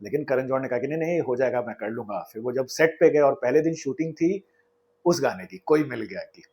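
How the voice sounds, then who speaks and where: A man's voice: mid-range voice, animated, brisk, darkish tone. Conversational male film-story narrator. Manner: chatty, retells anecdotes with quoted dialogue and occasional hesitations. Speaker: storyteller host.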